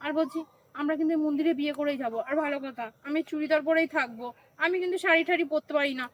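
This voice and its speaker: A woman playing a bold, self-assured new bride who talks brashly and fast, in a comedy skit. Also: high voice, close to an everyday voice, poor audio. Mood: coaxing.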